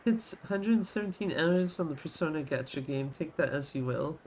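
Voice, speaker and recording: Higher-voiced man doing casual game commentary. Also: lively intonation, moderate pace, a little mellow. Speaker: game streamer. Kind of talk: casual gameplay commentary, reading game dialogue aloud. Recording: clear background noise.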